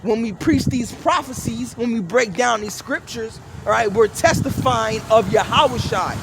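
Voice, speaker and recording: A man's voice: very high-pitched, measured pace, vocal fry, background noise. A man preaching scripture outdoors in a fervent, emphatic way, constantly checking in with "all right?" and "man". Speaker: street preacher. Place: outdoors by a street.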